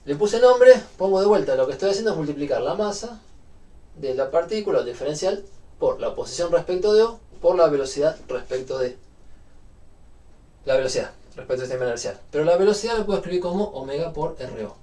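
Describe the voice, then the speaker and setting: A man's voice: on the high side, lively intonation, fairly quick, warm tone, far from the mic. A man with a Rioplatense Spanish accent giving a university physics lecture, explaining step by step with frequent fillers.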